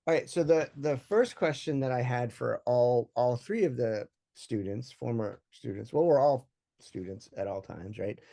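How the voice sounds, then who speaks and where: A man moderating a panel discussion, talking in a relaxed, conversational way with many fillers. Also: medium pitch, normal speed, gravelly.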